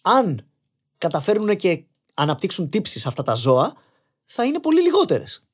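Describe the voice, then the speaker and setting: A young man in casual podcast conversation, arguing his points with animated energy and slipping in English phrases. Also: sits high, slightly rough. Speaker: podcast guest.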